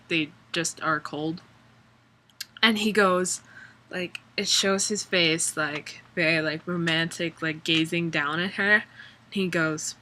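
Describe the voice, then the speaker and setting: Young woman vlogger, unhurried and low, bright sharp tone, sarcastic rambling chat. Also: slight background noise. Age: young adult. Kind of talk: casual vlog chat. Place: college dorm room.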